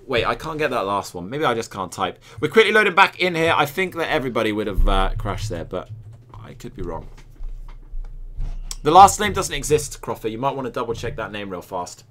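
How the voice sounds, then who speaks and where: A man's voice: mid-range voice, very animated, fairly quick, a bit bright. A young Scottish man streaming and commentating a game tournament, joking, swearing and chatting to his viewers.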